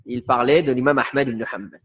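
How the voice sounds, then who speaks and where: A man teaching a religious lesson, slowly and with emphasis, who repeats quotations and asks his listeners questions. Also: medium pitch, fairly even intonation, slightly rough. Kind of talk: religious lecture.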